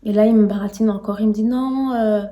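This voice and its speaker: A young woman vlogging her own story, animated and acting out the voices of the people in it. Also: mid-range voice, very fast. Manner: animated, acts out her own and others' quoted words, laughs at herself. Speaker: vlogger telling her testimony. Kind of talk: casual storytelling to camera.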